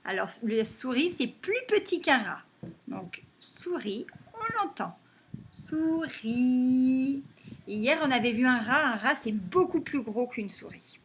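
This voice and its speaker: A woman teacher giving a phonics lesson to young children, saying words slowly and clapping them out syllable by syllable. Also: on the high side, sing-song, a bit bright, slight background noise. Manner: slow and deliberate, stretching and clapping out words syllable by syllable.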